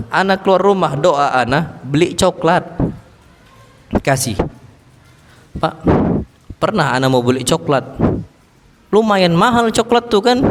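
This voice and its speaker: Brief: male preacher, high voice, lively and humorous, quizzes the congregation, long echoey mosque hall. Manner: lively, humorous, asks the congregation rhetorical questions. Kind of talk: mosque sermon.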